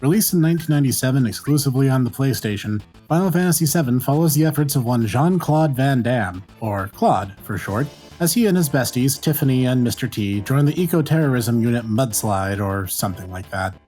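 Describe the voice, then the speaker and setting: A man's voice: medium pitch, expressive, brisk, hardly any pauses, dark tone. Sarcastic man narrating over faint music. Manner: dry, sarcastic. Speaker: video game reviewer and host. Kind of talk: scripted comedic review narration.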